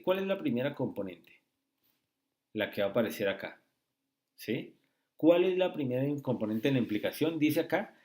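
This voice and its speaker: A man tutoring logic in a screen-recorded lesson, speaking slowly and often checking with "¿sí?" and "¿listo?". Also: mid-range voice, a little mellow. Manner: slow, repetitive, asks rhetorical checks.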